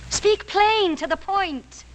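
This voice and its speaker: An actress playing a feisty, proud and warm-hearted Irish frontier woman in a TV western, with outspoken, lilting, folksy speech. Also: extremely high pitch, takes it slowly, a little hiss or hum. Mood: defiant. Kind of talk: 1960s TV western acting.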